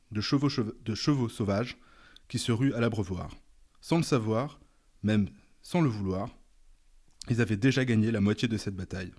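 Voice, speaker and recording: A man narrating a novel aloud with a measured, dramatic delivery. His voice sits at an ordinary middle pitch and he leans into the tense moments. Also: darkish tone. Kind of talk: audiobook narration.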